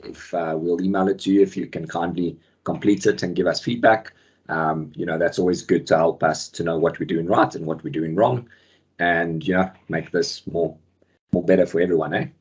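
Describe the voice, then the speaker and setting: Over a muffled video call, this deep-voiced, husky man, hoarse with the flu, presents a software product as webinar host and product manager. His pace is normal and his manner laid-back, peppered with ums and friendly fillers.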